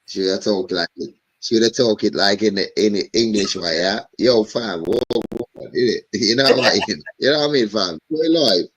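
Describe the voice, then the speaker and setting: A man's voice: fairly low pitch, normal speed, a bit bright, breathy edge. A man hosting a live stream, chatting loosely and often repeating "you know what I mean". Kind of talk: casual chat.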